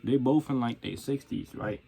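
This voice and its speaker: A man's voice: mid-range voice, normal speed, vocal fry, warm tone, husky. A young man telling a profane, slangy story about his coworkers in a casual rant. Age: young adult. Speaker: vlogger.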